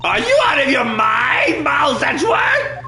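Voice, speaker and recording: A man voicing a brash, wolfish, theatrical investigator in a video game, taunting and excitable. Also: high-pitched, normal speed, vocal fry, roomy sound, slight background noise, pitched above the performer's own voice, full character voice. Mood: outraged.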